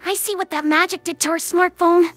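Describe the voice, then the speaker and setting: A young cartoon filly pony comments on what she sees, in a synthetic woman's voice. Her reactions come out flat and very high. A little music plays underneath. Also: brisk. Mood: chatty. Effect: text-to-speech voice.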